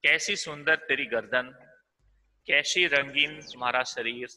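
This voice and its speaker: A man's voice: medium pitch, measured pace, sharp tone. A man voicing a wealthy merchant who coaxes a little bird to stay, in a noisy recording. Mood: coaxing. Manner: coaxing, persuasive.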